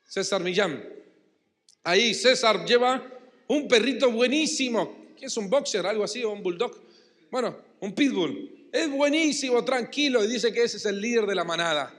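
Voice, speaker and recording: Argentine man preaching from the pulpit, high voice, lively call-and-response, big church reverb. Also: normal speed. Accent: Rioplatense Spanish. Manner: emphatic, calls the congregation to repeat and answer. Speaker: pastor. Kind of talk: sermon. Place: church hall. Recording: long church-hall reverb.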